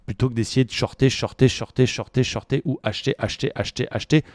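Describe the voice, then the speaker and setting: A man walking through his trading plan in a relaxed, chatty way, full of fillers and slangy asides. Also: mid-range voice, quick pace, no echo. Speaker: trading educator. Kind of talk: casual market analysis video.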